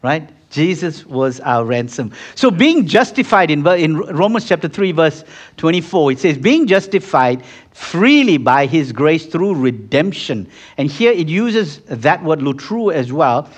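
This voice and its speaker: A man's voice: a little high, lively intonation, a little slow. A man preaching a sermon in a conversational way, acting out little scenes and building to fervent peaks, with many restarts. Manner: frequent restarts and repeated words. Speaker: pastor.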